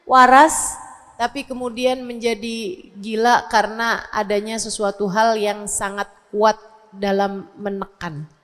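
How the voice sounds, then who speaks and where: High-pitched woman in her 40s giving a lively religious talk to moms, big hall echo. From Indonesia. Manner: animated, acts out mothers and children in quoted voices. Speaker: preacher. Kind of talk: religious lecture to women. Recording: long reverb of a hall.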